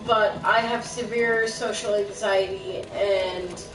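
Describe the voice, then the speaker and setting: A woman's voice: mid-range voice, steady tone, slow, noisy background. A woman co-hosting a game stream, chatting casually in a rambling, self-conscious way. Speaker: stream co-host. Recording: distant mic in a roomy space with game music. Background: game music.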